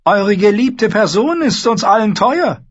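A man voicing a sharp-tongued dwarf lord giving curt orders in battle. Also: sits high, big pitch swings, measured pace, breathy edge, pitched above the performer's own voice, full character voice. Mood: commanding. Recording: slightly dull lo-fi recording.

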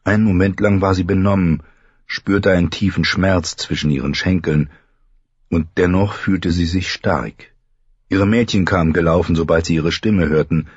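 A man narrating a fantasy audiobook in a measured, even storytelling manner, with a husky voice. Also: low voice, dry recording, lo-fi sound.

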